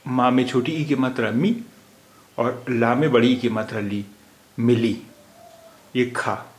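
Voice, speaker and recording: A man's voice: mid-range voice, echoey room, rough recording. A man teaching a language lesson, patiently spelling out letters and repeating their sounds. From India. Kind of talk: slow spoken lesson.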